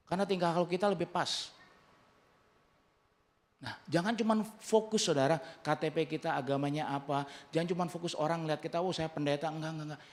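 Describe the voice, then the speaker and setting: A male pastor with an Indonesian accent, preaching a sermon in a conversational, humorous way and acting out the dialogue he quotes. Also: mid-range voice.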